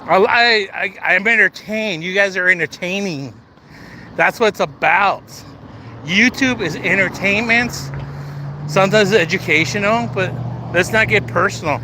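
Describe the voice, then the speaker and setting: An American man livestreams while walking down a city street, joking, swearing, and talking directly to his chat in a casual walk-and-talk. His voice sits high and moves a little slowly. Traffic and street noise fill the recording.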